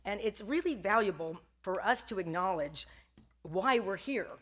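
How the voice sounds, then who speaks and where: Preaching at a moderate pace in a church sanctuary, this older woman sounds animated and a bit bright, with a medium pitch. She keeps the Sunday sermon informal, often laughing, poking fun at herself and starting her sentences over.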